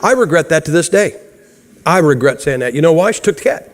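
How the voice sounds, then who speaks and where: Man preaching in a church, kinda high voice, blunt and jokey, echoey hall sound. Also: animated, fairly quick, a little hiss or hum. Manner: humorous, chuckles through anecdotes; blunt and emphatic. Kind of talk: sermon. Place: church sanctuary. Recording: long hall reverb.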